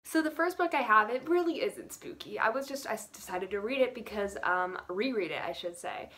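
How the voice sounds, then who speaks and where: With a fairly high, somewhat bright voice, lively intonation and a brisk pace, a teenage girl vlogs casually about books. She rambles, leans heavily on fillers, and lets out little laughs.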